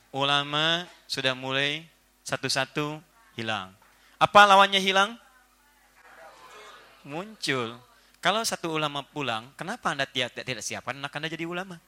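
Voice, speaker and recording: A man preaching to a gathered audience, his voice rising high and swinging widely in pitch. His tone is very bright and sharp. He is playful and acts out small everyday scenes as he talks. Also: clear, resonant tone. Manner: animated, playful, acts out little household scenes. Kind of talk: religious lecture to a live audience.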